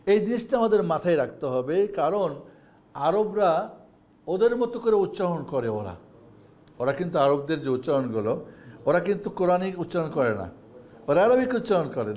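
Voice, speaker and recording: A man's voice: fairly high pitch, darkish tone. A male Quran teacher giving an online class, chanting the names of Arabic letters in a singsong drill and then explaining the homework.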